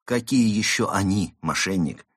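A sharp-tongued cat from a storybook mocks and scolds in a raised, husky voice, as a man puts him on. The delivery is firm and loud. The sound is dry and close. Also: fairly low pitch, animated, a little slow, no echo, heavily acted. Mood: scornful. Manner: mocking and scornful. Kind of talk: audiobook character reading.

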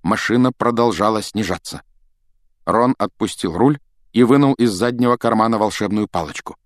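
A man reading an audiobook aloud with expressive, dramatic storytelling on a close mic. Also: fairly low pitch, normal speed, no room sound. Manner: dramatic storytelling, voices characters. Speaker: audiobook narrator.

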